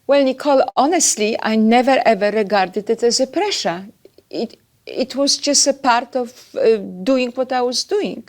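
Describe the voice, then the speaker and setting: A woman from Poland with a Polish accent, a podcast guest chatting about her life and career with pauses and fillers. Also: a little high, animated. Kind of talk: podcast interview.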